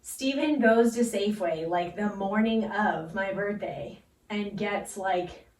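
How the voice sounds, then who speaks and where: A woman's voice: medium pitch, takes it slowly, a little mellow. A young woman co-hosting a podcast, telling a long story in a rambling way, laughing often and swearing freely. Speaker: podcast co-host. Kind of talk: casual chat. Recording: echoey room, mic at a distance.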